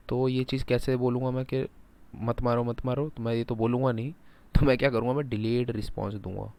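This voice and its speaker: A man giving a casual, animated lecture, mixing Hindi and English, asking his students rhetorical questions. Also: mid-range voice, gravelly, smooth. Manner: animated, talks in first person as a country, rhetorical questions. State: sore throat. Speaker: teacher.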